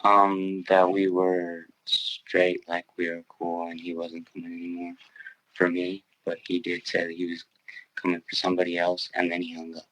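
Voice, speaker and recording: A young man answering a detective's questions in a quiet, hesitant way. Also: low-pitched, monotone, normal speed, slight background noise, rough recording. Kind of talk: police interview answers.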